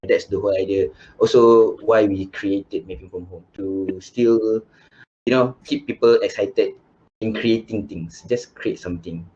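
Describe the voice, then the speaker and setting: A man's voice: fairly low pitch, steady tone, measured pace, warm tone. A man hosting a casual panel chat, rambling with many fillers and restarts. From Malaysia. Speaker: host. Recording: dull lo-fi video call with faint hiss.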